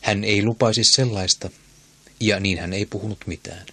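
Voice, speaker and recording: A man narrating an audiobook in a steady, measured manner. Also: fairly low pitch, husky, dry recording. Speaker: audiobook reader. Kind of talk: scripted narration.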